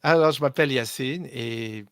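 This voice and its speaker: A man from Tunisia, a chocolatier guest, introducing himself in a friendly, halting way. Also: medium pitch, clean tone, no room sound. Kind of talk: casual self-introduction.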